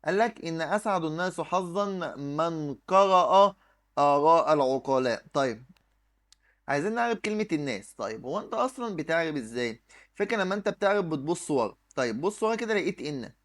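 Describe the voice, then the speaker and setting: A man with an Egyptian Arabic accent, an Arabic teacher, speaks fast in a high-leaning, expressive voice. He's giving an exam review lesson, explaining step by step and answering his own questions as he writes on the screen.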